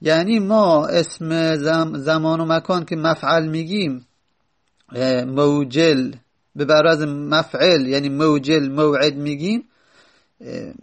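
Explaining Arabic grammar from a classical text, a teacher whose gravelly voice runs a little high reads each line aloud before breaking it down, posing questions to himself and answering them.

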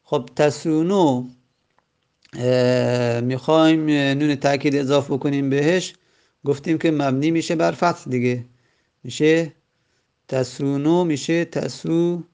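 A man teaching Arabic grammar, repeating word forms slowly and patiently in a classroom lesson. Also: a little high, fairly even intonation, darkish tone, smooth. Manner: drills forms by slow repetition, stretching out the words.

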